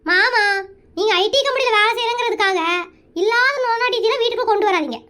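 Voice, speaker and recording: A woman's voice: very high-pitched, quick pace, pushed and bright. A woman voicing a strict, bossy village mother and wife in a cartoon comedy, scolding in a rural Tamil Nadu accent. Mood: stern.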